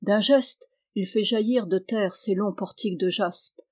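A woman reading the lines of a proud, pale young baron with a grave, measured manner. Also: medium pitch, a little mellow, natural voice.

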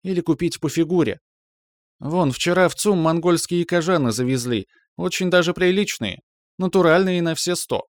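Мужчина изображает манерную модницу. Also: male voice, on the high side, no room sound, studio quality, pitched above the performer's own voice, close to an everyday voice. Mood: advising. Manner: mannered, drawn-out. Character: fashion-minded woman, mannered, advising friend.

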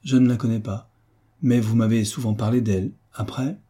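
A man's voice: mid-range voice, fairly even intonation, normal speed, dark tone, breathy edge, natural voice. Man as a dry-humored old veteran. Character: good-natured old army veteran, patient and dry.

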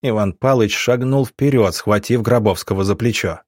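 A male narrator reads an audiobook in a steady storytelling manner. His voice sits low. The recording is dry and close to the mic. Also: moderate pace, no echo. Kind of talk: scripted narration.

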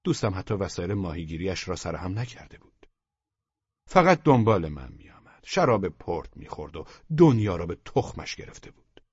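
Deep husky male audiobook narrator. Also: no echo. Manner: calm, measured storytelling, often dropping to a soft near-whisper. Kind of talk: scripted literary narration. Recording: dull lo-fi dry studio recording.

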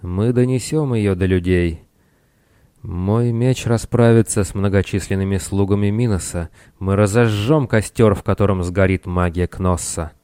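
A defiant pirate captain , as a man reads him in an audiobook, speaking gravely and with resolve. The voice is lowish, dark and mellow, with a dry, close sound. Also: normal speed, dry recording, natural voice. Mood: resolute. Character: bold Greek pirate captain, defiant and determined.

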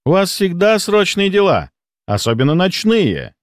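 A man voicing a smug, scheming middle-aged hospital chief who talks in a theatrical, mock-friendly, drawn-out way. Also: on the high side, big pitch swings, no echo, clean studio sound, voice pushed up.

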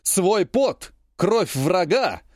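A man's voice: high voice, big pitch swings, very slow, no echo, clean studio sound, heavily acted. A man voicing a male lord giving a rousing, declamatory battle speech to his troops in an audiobook.

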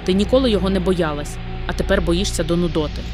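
A woman's voice: lowish voice, fast talker. A woman reading a second-person dramatic story aloud in an intimate, dramatic storytelling manner. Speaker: narrator. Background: background music.

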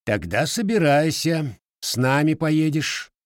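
Male reader as a formal police captain, curt and demanding, pitched up, dry close sound. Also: animated, unhurried, dry recording.

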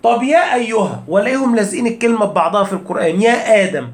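A man with an Egyptian Arabic accent giving a casual recitation lesson, asking rhetorical questions and breaking into slow chanted verses. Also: high-pitched, echoey room. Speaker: Quran recitation teacher.

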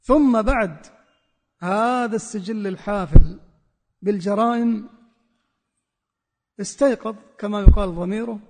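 A man's voice: high voice, unhurried, pauses often, darkish tone, big-room sound. A man preacher giving a religious sermon, repeating key phrases for emphasis. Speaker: Islamic preacher.

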